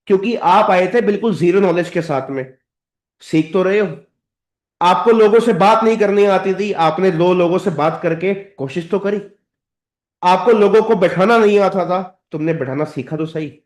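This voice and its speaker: A man's voice: high-pitched, a little mellow. A man with an Indian accent giving a motivational training talk, lecturing his audience directly and calling them sir and madam. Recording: roomy echoey hall.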